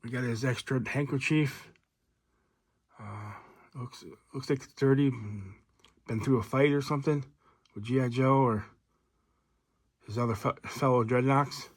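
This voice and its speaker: A man casually reviewing an action figure, relaxed and rambling with lots of fillers and restarts. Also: medium pitch, a little slow, pauses often, no echo. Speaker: toy reviewer.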